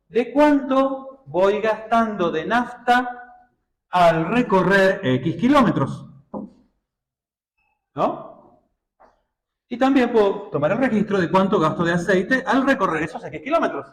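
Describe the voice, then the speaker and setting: A man's voice: high voice, roomy sound, poor audio. A man with an Argentine Spanish accent teaching a math class, constantly asking his students questions and checking that they follow. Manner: questioning, checks understanding often, colloquial.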